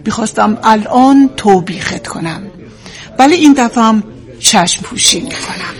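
A woman's voice: a little high, animated. A stern female office boss. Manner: stern, reprimanding. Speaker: office manager.

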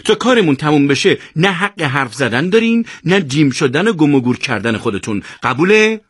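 A man's voice: medium pitch, expressive, fairly bright tone, dry recording, studio quality, natural voice. A man voicing an exasperated young male soldier who scolds and threatens his friends in a radio novel reading. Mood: scolding.

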